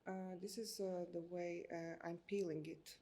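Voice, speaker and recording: A woman in her thirties from Croatia with a Croatian accent, answering interview questions slowly and hesitantly, with many filler sounds as she searches for words. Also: on the low side, steady tone, mellow. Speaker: architect.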